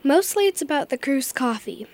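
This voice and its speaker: An earnest eleven-year-old girl, voiced by a woman in a radio skit, telling her story in a matter-of-fact way. Her voice sits high. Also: lively intonation, normal speed, darkish tone.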